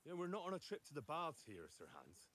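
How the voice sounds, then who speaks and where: A man's voice: fairly high pitch, wildly swooping pitch, brisk, fairly bright tone, full character voice. An actor voicing a sensible, dutiful young man at arms in a video game, plain-spoken and dry.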